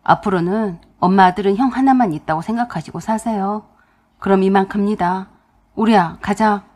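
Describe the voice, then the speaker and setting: Woman doing a lowish fed-up young guy, firm and exasperated, husky, radio-drama story. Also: moderate pace, darkish tone, close to an everyday voice. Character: fed-up younger son standing up to his mother.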